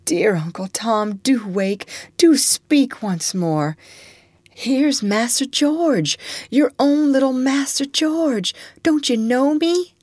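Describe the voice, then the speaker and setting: A woman's voice: high-pitched, lively intonation, slow pace, darkish tone, breathy edge, no room sound, studio quality, voice pushed up, exaggerated voice. A woman reading the part of an earnest, grieving young man in a storybook reading. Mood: pleading.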